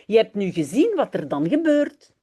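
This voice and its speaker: Little storybook boy calling his dog, a lady reading him, warm lively voice, goes up and down. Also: mid-range voice, moderate pace, slightly rough. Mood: scolding. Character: young boy, eager, scolding his dog.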